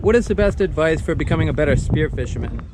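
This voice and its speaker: A man's voice: a little high, quick pace, background noise. Bahamian man explaining spearfishing technique. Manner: relaxed, practical, step-by-step explaining. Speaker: charter fishing captain. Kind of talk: instructional vlog narration.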